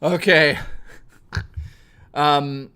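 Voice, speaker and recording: Hoarse and losing his voice, a young man chats excitably with viewers on a live stream, swearing often. His pitch runs on the high side and his pace is extremely slow.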